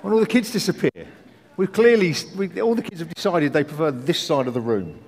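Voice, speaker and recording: A man preaching a sermon in a conversational, joking way with rhetorical questions, his voice a little croaky. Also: fairly high pitch, expressive, a little fast, a little mellow, a faint crowd. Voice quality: slightly croaky morning voice. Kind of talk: sermon to a congregation. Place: large hall, speaking to a congregation. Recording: reverberant hall.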